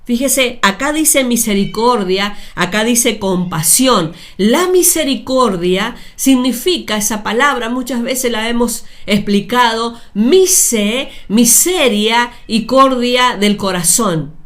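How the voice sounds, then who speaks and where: A woman preaching a sermon, speaking deliberately with repeated phrases and addressing her listeners directly. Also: on the high side, lively intonation.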